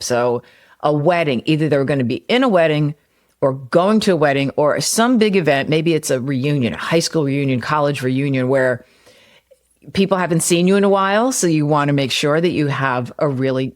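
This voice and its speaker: A woman hosting a solo podcast, explaining marketing ideas in a conversational way with everyday examples. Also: low-pitched. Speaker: podcast host and copywriter; former personal trainer.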